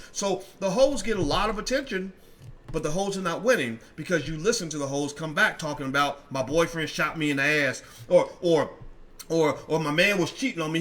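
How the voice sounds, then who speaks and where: A man's voice: on the high side, a bit bright. A man podcast host speaking in a blunt, emphatic monologue, repeating phrases, with a slight odd sound in his teeth from dental work. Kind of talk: opinionated monologue to camera.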